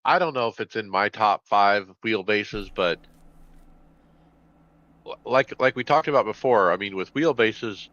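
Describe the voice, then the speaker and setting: Bright forceful guy giving gear opinions, dull muffled lo-fi audio. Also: lowish voice, a little slow, long pauses, dry recording. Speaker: podcast co-host. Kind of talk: casual chat.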